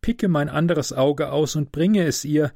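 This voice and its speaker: A man reading a storybook aloud, voicing a kind, sorrowful prince statue in an earnest, gently insistent voice. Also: a little high, unhurried, vocal fry, no room sound, studio quality, pitched above the performer's own voice.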